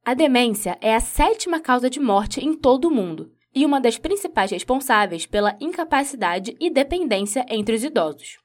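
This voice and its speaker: Female reporter, slightly high voice, calm measured news read. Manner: measured, even delivery.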